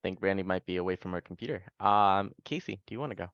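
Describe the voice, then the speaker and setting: A man with a low, gravelly voice moderating a panel over a video call. He talks in a friendly, hesitant way with plenty of fillers. The audio is dry and a little muffled. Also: quick pace, a bit bright, no room sound.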